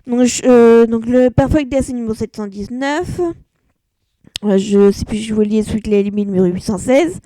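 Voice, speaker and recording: A woman's voice: a little high, moderate pace, dark tone. A woman vlogging casually about her purchases, talking hesitantly with many fillers and restarts. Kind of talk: casual product review vlog.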